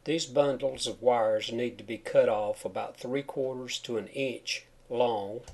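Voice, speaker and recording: Guy explaining a diy how-to step by step, normal pitch, whistles on his s's cause of a chipped tooth. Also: unhurried, a little mellow. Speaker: DIY home wiring instructor. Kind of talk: narrated how-to tutorial over photos.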